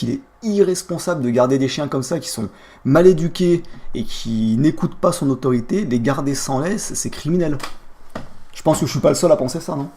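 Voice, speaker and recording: Young male streamer, gravelly and quick, swearing through an angry casual rant. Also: medium pitch, a little mellow. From France. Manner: vulgar, heated storytelling with street slang.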